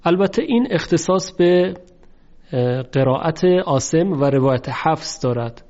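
A man teaching a lesson on Quran recitation, slowly drawing out example words to demonstrate pronunciation. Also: fairly high pitch, lively intonation, a little mellow. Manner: slow, drawn-out demonstration of words. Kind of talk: lesson on tajweed. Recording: dull lo-fi recording.

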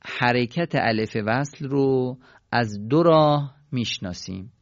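A man's voice: medium pitch, dry recording, lo-fi sound. A man teaching a Quran recitation lesson in a patient way, asking questions and then answering them himself. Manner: patient, asks and answers his own questions. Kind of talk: explanatory lesson.

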